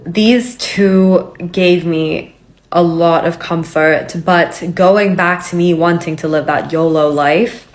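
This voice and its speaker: A woman's voice: fairly low pitch, fairly even intonation, slow. A young woman from Hong Kong, a vlogger telling her personal story in a candid, chatty way with many fillers. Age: young adult.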